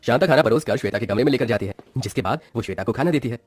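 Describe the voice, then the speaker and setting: A man narrating a cartoon story as a lively storyteller. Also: medium pitch, very fast, no echo, faint music behind.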